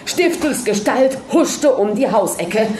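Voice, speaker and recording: A woman narrating a story aloud in a lively, dramatic reading manner. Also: on the high side, slow pace, echoey room, slight background noise.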